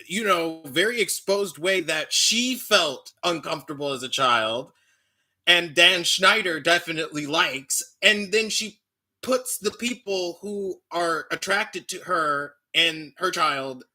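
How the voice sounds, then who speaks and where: A man's voice: a little high, animated, slow pace, pushed and bright. A man co-hosting a live stream, explaining his concerns earnestly, with hesitant restarts. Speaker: co-host.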